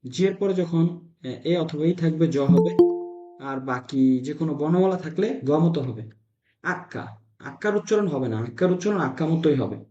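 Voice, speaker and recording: A man teaching Italian letter sounds to a class, drilling syllables in slow repeated chants. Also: a little high, lively intonation, warm tone, soft background music. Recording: echoey room, dull lo-fi sound.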